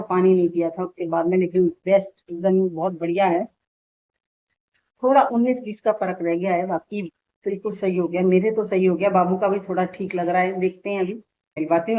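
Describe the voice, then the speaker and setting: This vlogger and mother talks casually to her viewers from home, chatty and repeatedly calling them friends. Her voice is on the low side and a bit mellow, recorded with dull audio.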